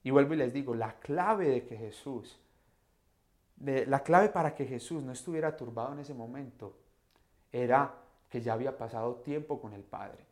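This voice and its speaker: Man preaching with sudden loud peaks. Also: medium pitch, normal speed. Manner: swings from hushed to loud emphatic peaks; reflective, explains scripture in own words. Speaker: preacher and vocal teacher. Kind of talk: devotional Bible talk.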